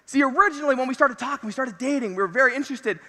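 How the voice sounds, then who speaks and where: A man giving an energetic motivational talk on a convention stage, with punchy lines that repeat key phrases. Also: very high-pitched, rapid-fire. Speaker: convention speaker. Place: large convention hall. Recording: reverberant convention hall.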